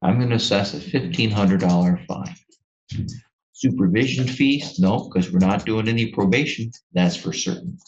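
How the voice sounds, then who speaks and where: A man serving as a judge, sentencing a defendant from the bench in a courtroom, blunt and lecturing, with halting restarts. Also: on the low side, lo-fi sound.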